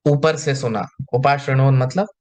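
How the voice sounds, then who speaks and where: A man giving a scripture lecture, chanting verses slowly and then explaining them line by line. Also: medium pitch, a little mellow. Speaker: spiritual teacher.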